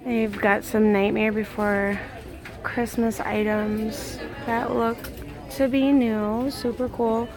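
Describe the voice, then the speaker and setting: Speaking slowly and flatly in a fairly high voice, a woman narrates her casual shopping vlog, enthusing over cute finds. She records on a handheld phone camera in a big indoor store, with a crowded background.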